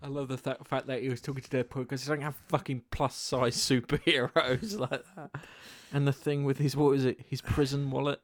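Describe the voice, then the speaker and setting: A man co-hosting a casual film chat, relaxed and swearing casually. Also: medium pitch, brisk, few pauses, dry recording. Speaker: podcast co-host.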